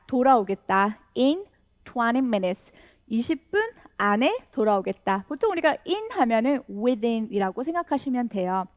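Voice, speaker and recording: Lively Korean-speaking woman teaching. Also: on the high side, dry recording. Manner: lively, encouraging, asks questions and laughs often. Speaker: English teacher. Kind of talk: video language lesson.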